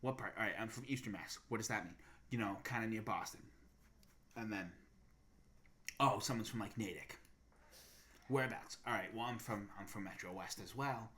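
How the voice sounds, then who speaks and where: Low-voiced rambling podcast co-host man. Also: normal speed, pauses often, fairly bright tone. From Massachusetts. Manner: rambling, thinks aloud, many fillers. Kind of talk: casual chat.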